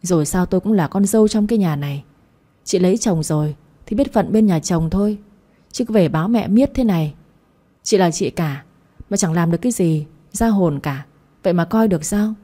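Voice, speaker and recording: A sharp-tongued, contemptuous young daughter-in-law voiced by a woman narrator. She sneers and jabs in a low, husky, mellow voice. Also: lively intonation, fairly quick. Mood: scornful. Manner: mocking, insulting.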